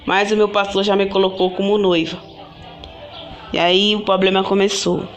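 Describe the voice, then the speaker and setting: A woman's voice: mid-range voice, level tone, moderate pace, faint music behind. Rambling woman telling her story. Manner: rambling and repetitive, often restarting and addressing viewers directly. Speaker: vlogger. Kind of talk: casual personal storytelling to viewers.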